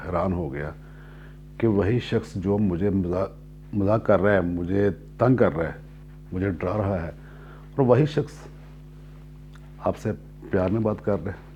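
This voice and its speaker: A man telling a motivational story at an unhurried pace, repeating and rephrasing his lines as he goes and clearing his throat now and then. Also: deep voice, warm tone, dull audio, slight background noise.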